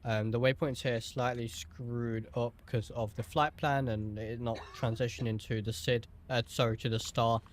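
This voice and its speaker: A man's voice: mid-range voice, steady tone, normal speed, few pauses, a little hiss or hum. A man giving casual live-stream commentary on a flight simulator session, chatty, with many ums, thanking viewers by name.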